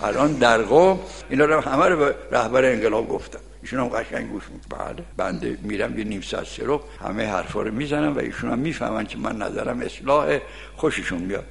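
Brief: older male cleric, gravelly, mid-pitched, folksy lecturing tone. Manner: folksy, lively storytelling, frequent "yes". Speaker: cleric teaching religious law. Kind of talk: religious law lesson with anecdotes.

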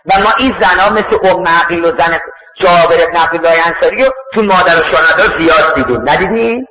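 A man preaching a sermon through stories, in an animated way, acting out the voices of the people in them. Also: a little high. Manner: animated, acts out voices in the story. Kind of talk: storytelling sermon. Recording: echoey, dull lo-fi recording.

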